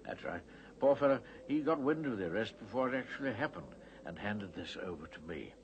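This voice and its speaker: Conspiratorial talking beaver, kindly but wary, low-pitched, prone to whispers, fantasy audio drama. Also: male voice, fairly quick, lo-fi sound, slight background noise. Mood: secretive, earnest. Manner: conspiratorial, animated, often dropping into whispers. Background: music.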